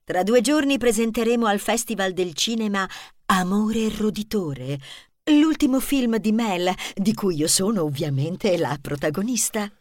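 A man's voice: high-pitched, very animated, a little slow, no echo, clean studio sound, pitched above the performer's own voice. A man voicing a vain, glamorous female movie-star mouse who speaks in a sugary, honeyed way in a children's storybook.

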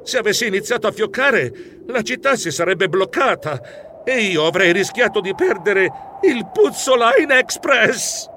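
Animated, lively male audiobook narrator. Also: sits high, background noise. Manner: theatrical, exclaiming, comic. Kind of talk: scripted first-person narration.

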